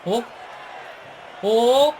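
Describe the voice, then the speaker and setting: A man giving excited live commentary on a football video game, with shouted bursts at big plays and casual slang. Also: very high-pitched, very slow. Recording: stream with game music and crowd noise.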